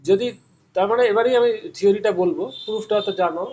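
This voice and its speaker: In an online class, a high-voiced man walks students through physics concepts one step at a time and keeps asking them questions. His voice is a little mellow. The call-line sound is dull and lo-fi, with a bit of hiss or hum.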